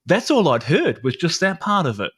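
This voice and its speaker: A man's voice: on the high side, big pitch swings, moderate pace, breathy edge, no room sound. Chatty New man with a dry sound. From New Zealand. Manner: rambling, storytelling, loose and chatty with fillers. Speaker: livestream host. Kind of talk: casual chat.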